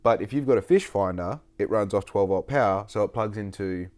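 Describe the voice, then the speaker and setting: Australian bloke, late 20s, podcast host; rambly, swears a lot, lowish voice. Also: male voice, fairly quick, a little mellow. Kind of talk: casual chat.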